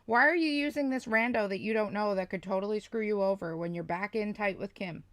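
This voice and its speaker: A woman's voice: medium pitch, a little fast, a bit bright, dry recording. A woman talking over a played clip with taunting, mock-sweet remarks. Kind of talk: mocking commentary over a clip.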